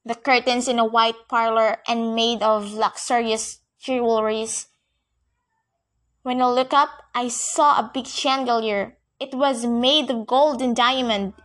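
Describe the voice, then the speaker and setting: A woman's voice: on the high side, fairly even intonation, a little slow, fairly bright tone. A woman reading her own first-person fantasy story in an earnest, wide-eyed way, with frequent grammar slips.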